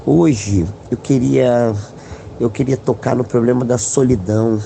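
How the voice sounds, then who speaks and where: Man, philosophy professor, gravelly voice, very dark tone, reflective podcast talk. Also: mid-range voice, fairly even intonation, a little hiss or hum, low-quality recording. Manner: thoughtful, musing, slowing on key words.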